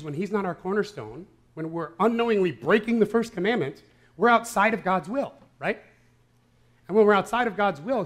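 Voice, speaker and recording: High-voiced casual male pastor. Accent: Upper Midwest American. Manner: casual, asks "right?" and "okay?" often. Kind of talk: conversational sermon. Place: church sanctuary.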